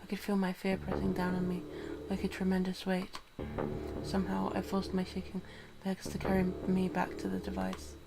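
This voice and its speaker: A woman streamer with a cold, reading a visual novel aloud in first person, with quick asides. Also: medium pitch, vocal fry, loud music behind the voice. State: has a cold.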